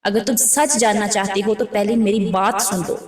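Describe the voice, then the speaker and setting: A woman's voice: medium pitch, fairly even intonation, close to an everyday voice. Wounded young man denying guilt , read by a female narrator; pleading and insistent, distant, roomy sound.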